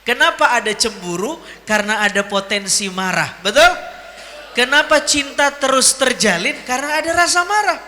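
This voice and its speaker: A man preaching a lively sermon to a live audience, teasing them with jokes and quizzing them with questions. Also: very high voice, normal speed, slight background noise. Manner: jokey and teasing, quizzing the crowd. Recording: long hall reverb.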